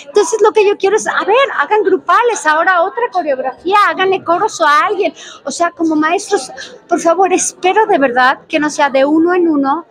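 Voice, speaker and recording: Animated older Mexican woman, high voice. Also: a little fast, rough recording. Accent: Mexican Spanish. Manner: animated, emphatic, chatty storytelling. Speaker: talent show judge, interviewee. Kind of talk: answering reporters in a press interview.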